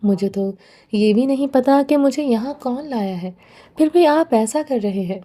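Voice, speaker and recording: A woman's voice: fairly high pitch, mellow, natural voice. A woman reading the part of a frightened, tearful young woman in a storybook, pleading and timid.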